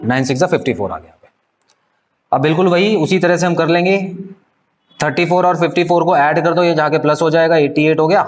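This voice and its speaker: A man teaching a live online math class, explaining step by step and often checking if students follow. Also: on the high side.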